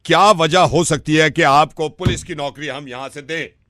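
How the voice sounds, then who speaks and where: A man making a prank call while posing as a senior police official, speaking in a formal, measured way. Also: a little high, pushed and bright, no echo, clean studio sound.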